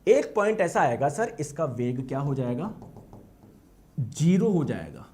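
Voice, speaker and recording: A man with a high voice teaching a classroom physics lecture. He talks with energy, repeats words for emphasis and keeps asking his students to answer yes or no. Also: sing-song, unhurried, a little mellow.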